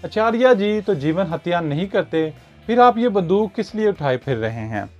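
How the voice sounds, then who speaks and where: A friendly, easygoing carriage driver, as a male narrator puts him on, a little higher than the narrator's plain voice. The audio is dull and lo-fi, with faint music underneath. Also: lively intonation, moderate pace.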